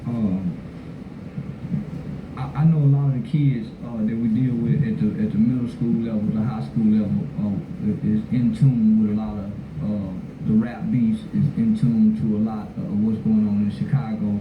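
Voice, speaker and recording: Low-pitched man on tinny, echoey audio. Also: little pitch movement, normal speed, background noise. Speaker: youth mentor. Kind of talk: informal spoken explanation.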